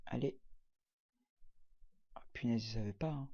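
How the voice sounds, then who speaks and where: A man narrates a screen-recorded software tutorial in a loose, casual way, stopping often on fillers as he clicks through menus. His voice sits at an ordinary middle pitch for a man. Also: measured pace, dull audio. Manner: hesitant, many fillers, talks while clicking. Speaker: tutorial presenter.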